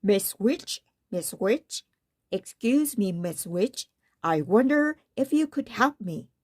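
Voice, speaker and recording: A woman's voice: mid-range voice, lively intonation, slow pace, darkish tone. Polite, earnest prince, voiced by a woman. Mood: pleading, flustered. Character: polite, earnest young fairy-tale frog prince.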